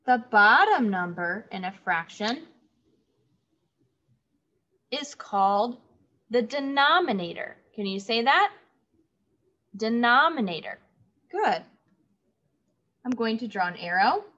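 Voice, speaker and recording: A woman teaching third graders in an online lesson, speaking slowly and clearly and repeating key words for the children. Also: a little high, animated, sharp tone. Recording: dull lo-fi audio.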